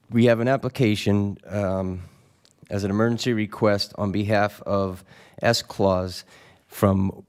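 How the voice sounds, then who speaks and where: Smooth low-voiced man reading formally. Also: darkish tone. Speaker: council president reading a filing. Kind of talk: mock-formal reading of an official notice.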